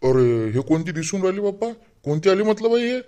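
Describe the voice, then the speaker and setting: A chatty, fussy village man, voiced by a man in a cartoon, with a Vidarbha Marathi accent. He rambles and grumbles, half to himself, at a quick clip. His voice sits a little high. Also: big pitch swings, dark tone. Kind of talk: cartoon voice acting.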